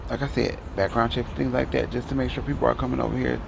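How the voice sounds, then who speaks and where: This Detroit-born vlogger speaks fast in a steady, mid-range voice with vocal fry, ranting heatedly and rambling at the camera in his Detroit accent. Background noise is heavy.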